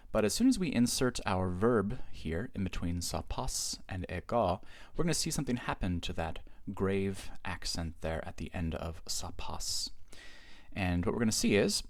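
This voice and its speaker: A man teaching a recorded grammar lesson in a measured, explanatory way, reading each example form slowly. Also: deep voice, no room sound. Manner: measured, explanatory, reads Greek forms slowly. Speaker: Greek teacher.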